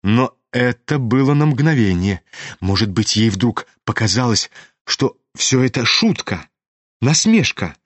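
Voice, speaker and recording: A man narrating a classic novel as an audiobook, reading in a steady, even-paced way into a studio microphone. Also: medium pitch, a little slow, no echo.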